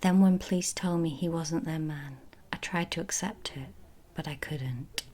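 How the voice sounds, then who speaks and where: Whispering woman, low-pitched ASMR host. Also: moderate pace, darkish tone. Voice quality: breathy unvoiced whisper. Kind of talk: whispered ASMR reading and talking.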